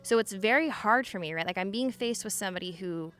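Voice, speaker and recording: A woman in her thirties, a podcast guest, talking candidly and casually, with many filler words, frequent swearing and quick laughs. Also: mid-range voice, fairly bright tone, soft background music. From Utah. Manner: chatty, lots of "like" fillers and swearing, laughs often.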